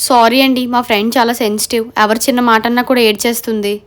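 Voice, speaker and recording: A woman's voice: fairly high pitch, level tone. A young woman acting in a comedy sketch, scolding and bossy as she talks to a friend. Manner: scolding, quick-talking. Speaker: comedy sketch creator and actor. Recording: music bed behind voice.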